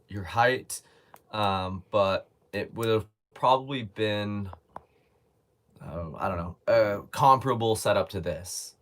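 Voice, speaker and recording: A man with a lowish voice answers viewer questions in a relaxed live chat. He speaks easygoing and reflective, sometimes restarting a phrase as he thinks. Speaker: host.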